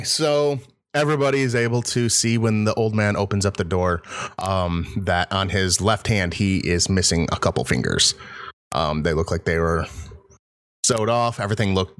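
A man narrating as game master in a tabletop game, relaxed and hesitant, with many fillers. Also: fairly low pitch, normal speed, no room sound, clean studio sound.

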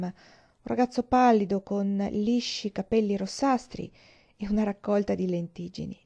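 Audiobook reader, woman; calm, even narration with a dark, relaxed tone. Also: mid-range voice, gravelly, highs cut off. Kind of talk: scripted narration of a novel.

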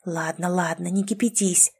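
In this audiobook, a woman voices a touchy young man stuck in a kitten's body, staying close to her natural voice. Her tone is mid-range, mellow and a bit rough, at a moderate pace, and she sounds grumpy and condescending.

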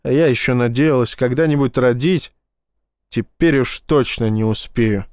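A man's voice: mid-range voice, normal speed, a little mellow, no echo, natural voice. Audiobook: tired, bitter woman read by a man, dry close recording. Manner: tired, resigned. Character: weary woman ship psychologist, bitter, sad.

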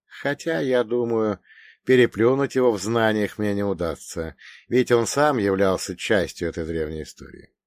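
A man reading a first-person audiobook in a measured, explanatory manner. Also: on the low side, dry recording, clean studio sound. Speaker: audiobook narrator.

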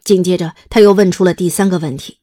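A woman's voice: fairly low pitch, fairly even intonation, fast, dark tone. A woman reading scripted, dramatic story narration as an audiobook narrator.

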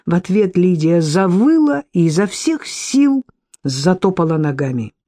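Expressive woman reading an audiobook. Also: on the low side, measured pace. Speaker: audiobook narrator. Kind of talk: scripted narration.

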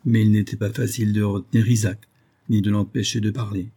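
A man narrating a classic novel as an audiobook in a measured storytelling manner. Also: lowish voice, flat delivery, dark tone.

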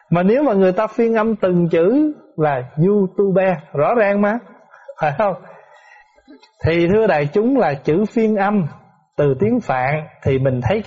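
A middle-aged Buddhist monk, giving a dharma talk and patiently answering questions with rhetorical asides. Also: male voice, sits high, mellow. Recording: dull lo-fi lecture recording.

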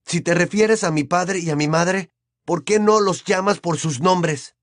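A man's voice: high-pitched, level tone, brisk, no echo, clean studio sound, voice pushed up, natural voice. A man voicing an exasperated teenage boy who speaks impatiently and emphatically.

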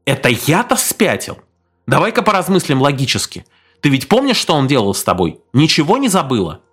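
A man's voice: on the high side, wildly swooping pitch, brisk, a bit bright, breathy edge, soft background music, pitched above the performer's own voice, full character voice. A man reading an audiobook, voicing a jealous, tormented husband who snarls and sneers. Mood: bitter. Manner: snarling, sarcastic.

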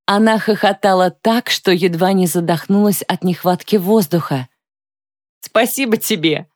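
Woman, audiobook narrator, lowish voice, dry close recording, calm even reading. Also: moderate pace, no room sound. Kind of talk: scripted narration.

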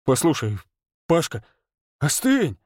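Audiobook: a man playing a hysterical shouting partner, strained high yells, dry room. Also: huge pitch swings, slow pace, dry recording, full character voice. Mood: indignant. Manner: yelling, hysterical. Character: furious shouting male business partner. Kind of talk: audiobook narration.

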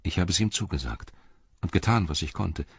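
A man reading the lines of a calm, earnest young noblewoman, gentle in manner, in a dull lo-fi audiobook recording. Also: sits low, fairly quick, creaky, breathy edge, dry recording, heavily acted.

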